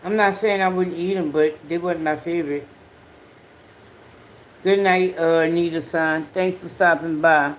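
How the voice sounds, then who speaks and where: A person with a Southern US accent chatting casually on a livestream in an unhurried, slangy, profane way. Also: mid-range voice, steady tone, a little hiss or hum, rough recording. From Southern United States. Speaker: livestream host.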